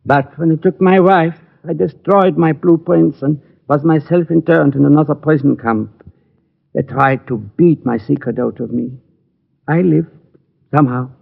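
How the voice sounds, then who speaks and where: A tinny vintage radio recording captures a 1940s drama in which a man voices a small, courteous German immigrant gunmaker, around sixty, looking for help. The delivery is somber, fairly high and creaky, in halting, formal English with a German accent and foreign phrasing.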